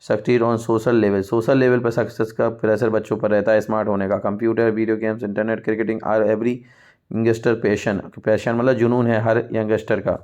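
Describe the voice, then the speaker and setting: Indian man teaching English, flat and low. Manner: mixes Hindi explanation with slow English read-aloud. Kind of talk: exam-prep lesson. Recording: dull lo-fi sound.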